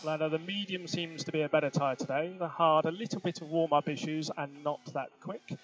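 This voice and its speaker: Over a noisy motorsport radio link, a male F1 race engineer briskly feeds his driver clipped, procedural commands. His fairly high voice stays fairly even in intonation, and the headset audio, passed through a team radio filter, sounds lo-fi.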